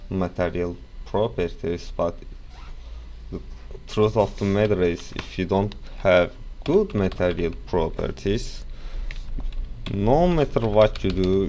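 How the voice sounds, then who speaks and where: A young man from Turkey with a Turkish accent presents a casual screen-recorded software tutorial. He talks low and slow in a dark tone, with a little hiss or hum in the audio. He rambles, corrects himself and drops casual asides.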